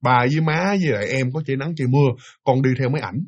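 A man voicing a meek, dutiful teenage son, speaking softly and submissively. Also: mid-range voice, fast talker, slightly rough, muffled recording, natural voice. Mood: sad. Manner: soft, submissive, hushed.

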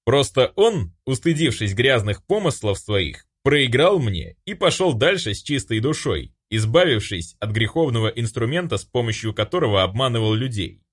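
Man voicing a pompous angel, preachy, animated delivery. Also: mid-range voice, normal speed, few pauses, slightly rough. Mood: lofty. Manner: preachy, lofty. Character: pompous male angel, self-righteous. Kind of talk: audiobook character voice.

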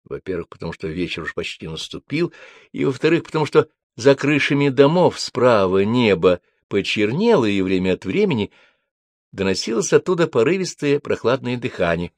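A man reading a story aloud in an even, measured way. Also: mid-range voice, no echo. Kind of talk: scripted narration.

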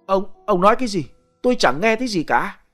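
A feeble old man in his eighties mumbles through missing teeth and can barely hear, as a male storyteller puts him on. His words come out slurred and unsure in a spoken ghost story, with soft music under it. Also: high voice, sing-song, quick pace, pitched above the performer's own voice, heavily acted. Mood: confused.

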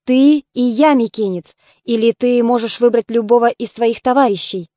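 A woman reading the lines of a calm, commanding young male hero in an audiobook. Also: a little high, moderate pace, no echo, clean studio sound, lightly acted. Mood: firm.

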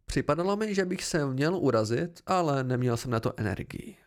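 A man's voice: medium pitch, expressive. A man reading a novel aloud as an amateur audiobook, telling it in the first person with expression. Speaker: audiobook reader.

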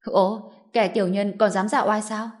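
A woman's voice: medium pitch, brisk, darkish tone, close to an everyday voice. A woman voicing a cruel, arrogant middle-aged grandmother who scolds and sneers shrilly in a storybook. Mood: haughty.

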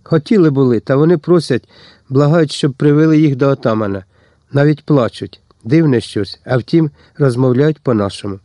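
A man's voice: mid-range voice, moderate pace, dark tone, no echo, clean studio sound, natural voice. A man reading a dutiful young Cossack. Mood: reporting.

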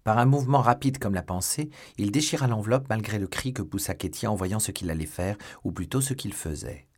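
A man narrating a classic novel as an audiobook, reading in a measured, expressive way. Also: fairly low pitch, slightly rough.

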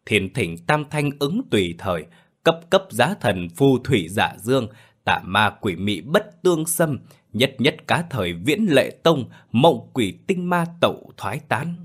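A man's voice: medium pitch, sing-song, measured pace, husky, pitched above the performer's own voice. A man voicing an old village exorcist who commands and chants spells in a storybook tale. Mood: chanting. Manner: commanding, then chanting incantations.

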